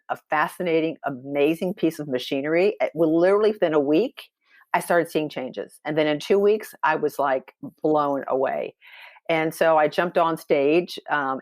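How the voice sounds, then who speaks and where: A woman in her sixties, appearing as a podcast guest, tells her story in a casual interview. She sounds upbeat and chatty, with plenty of fillers and restarts. Her voice sits low with a darkish tone, and the recording is dry.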